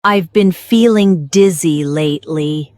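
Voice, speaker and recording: Low-pitched woman reading very slowly. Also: a little mellow, dry recording, clean studio sound. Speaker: lesson voice reading example sentences. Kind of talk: slow acted example sentences.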